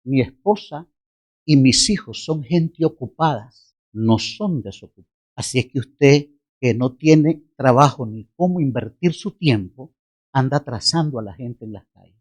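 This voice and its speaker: A pastor voicing a quietly menacing burly man. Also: mid-range voice, animated, a little slow, breathy edge, voice pushed down. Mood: threatening. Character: angry burly man with a machete.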